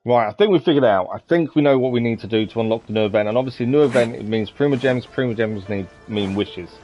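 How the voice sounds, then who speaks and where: Over game music captured on a dull lo-fi microphone with a little hiss or hum, a live streamer talks fast in a medium-pitched voice. He comments casually on his gameplay, thinking out loud with some hesitation.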